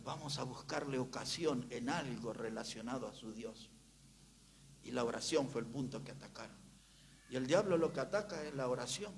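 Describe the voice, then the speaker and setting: A man preaching a sermon in a church, rising to loud, emphatic reading of scripture. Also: mid-range voice, slight background noise. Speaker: pastor.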